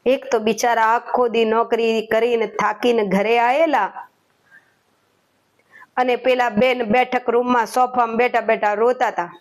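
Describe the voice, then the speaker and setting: High-voiced woman telling a spiritual story. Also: level tone. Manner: slow, repetitive storytelling with dialogue. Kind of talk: narrating a moral story.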